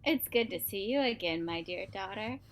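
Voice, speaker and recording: A woman's voice: medium pitch, expressive, moderate pace, soft background music, natural voice. A woman playing a menacing, smug witch mother in a visual novel dub, mockingly sweet and theatrical.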